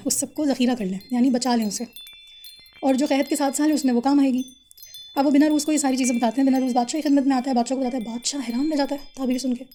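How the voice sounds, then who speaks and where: Woman storyteller, high mellow voice, chatty retelling of a religious tale. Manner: conversational, retells scenes in simple words with fillers. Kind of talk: casual narration of a religious story.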